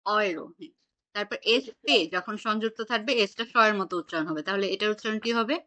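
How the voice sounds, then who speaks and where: A woman's voice: mid-range voice, quick pace, sharp tone. A woman teaching an online German class, patiently quizzing her students on pronunciation over a video call.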